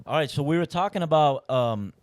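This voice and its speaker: A man's voice: fairly high pitch, expressive, a little fast, clean tone, no echo. A man hosting a casual podcast interview, teasing his guest in a playful way. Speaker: podcast host.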